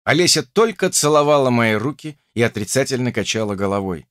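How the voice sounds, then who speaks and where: A man narrating a literary story in a measured, expressive reading. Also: mid-range voice, no room sound, clean studio sound. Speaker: audiobook narrator.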